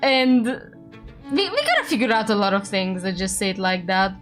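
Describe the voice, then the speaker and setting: A woman's voice: mid-range voice, sing-song, moderate pace, faint music behind. A woman livestreaming a game over a headset mic, chatting casually to her viewers in a rambling way and often correcting herself mid-sentence. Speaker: livestreamer playing a game with a co-host. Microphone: livestream headset audio.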